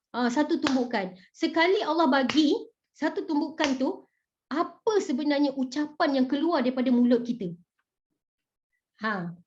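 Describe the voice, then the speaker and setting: A woman giving a religious motivational talk, animated and chatty, often asking her audience questions. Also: high-pitched. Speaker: motivational speaker. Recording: dull, muffled recording.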